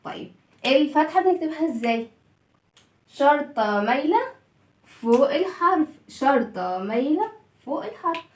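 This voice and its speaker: In an echoey room, a children's reading teacher with a high voice and an Egyptian Arabic accent runs a phonics lesson for young kids. She is animated, drawing out syllables, repeating each word several times, and coaxing the class along.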